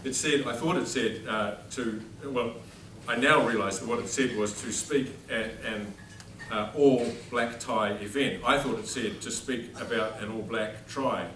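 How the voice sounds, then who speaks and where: A middle-aged New Zealand headmaster gives a humorous after-dinner speech without a microphone in a large dining hall, full of dry, self-deprecating jokes. His mid-range voice is unhurried, with few pauses. Recorded from across the room, the sound is distant and echoey, with background noise.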